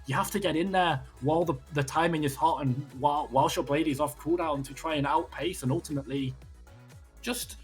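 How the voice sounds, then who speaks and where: A man with a slightly husky voice calls a live esports match with loud, breathless excitement and the odd curse. Faint music sits quietly underneath his commentary. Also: fairly high pitch, quick pace, few pauses. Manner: excitable, swears, breathless after a close game. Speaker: esports caster.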